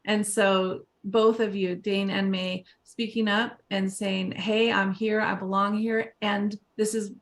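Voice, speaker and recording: A woman with years as a teacher speaks earnestly on a panel, pressing her points with emphasis. Her voice sits at an ordinary middle pitch. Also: little pitch movement, takes it slowly, few pauses. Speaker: teacher and education consultant. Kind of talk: panel discussion.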